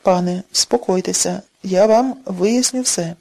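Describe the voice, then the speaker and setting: Woman reading as a calm, steady young man. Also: high-pitched, measured pace, gravelly, exaggerated voice. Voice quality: level, steady.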